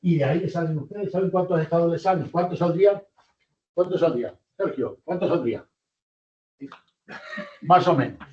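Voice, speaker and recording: Older professor lecturing in a hall. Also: male voice, on the high side, moderate pace, long pauses. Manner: lively, rhetorical questions to the audience. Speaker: university professor. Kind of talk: university lecture. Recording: distant, roomy, muffled lecture hall recording.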